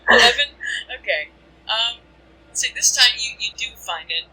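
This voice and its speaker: A game master runs a tabletop session, describing scenes and rulings in a loose, chatty ramble full of fillers. The voice is very bright and sits at a middle pitch. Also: lively intonation, normal speed, low-quality recording.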